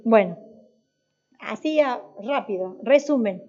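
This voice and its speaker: A woman's voice: fairly high pitch, animated, slow pace, warm tone. A woman teaching a church class in a conversational way, putting questions to her students and often restarting her sentences. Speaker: worship and voice teacher. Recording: dull lo-fi recording.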